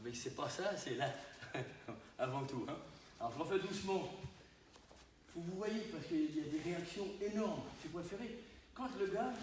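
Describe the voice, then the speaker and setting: A karate instructor with a rather high voice demonstrates moves to his students during a live dojo lesson, animatedly punctuating each point with exclamations and "hein?" He is picked up by a distant camera mic, far away in a big training hall that echoes heavily, with background noise.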